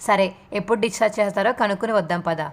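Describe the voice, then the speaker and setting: A woman voicing a gruff, protective husband who talks in a bossy, teasing way. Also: mid-range voice, fast, natural voice.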